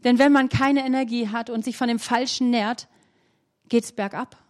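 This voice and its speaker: A woman preaching a sermon, earnest, asking her listeners questions and reading scripture slowly with emphasis. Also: a little high, fairly even intonation.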